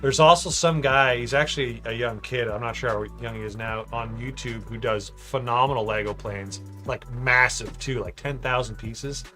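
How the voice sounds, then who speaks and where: As he works on a model during a laid-back livestream, a man of ordinary pitch rambles and muses aloud at normal speed with few pauses. He reads chat, jokes and hops between subjects over faint background music.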